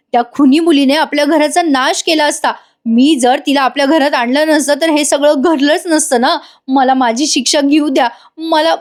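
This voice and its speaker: A woman voicing a distraught young husband who shouts and pleads in anguish. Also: high voice, pitched above the performer's own voice, lightly acted.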